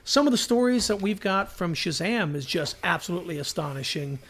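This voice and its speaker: His voice is high-pitched, lively in intonation, fairly quick and a bit bright. As a podcast co-host in casual fan talk about TV shows, he's emphatic and opinionated, frequently telling anecdotes.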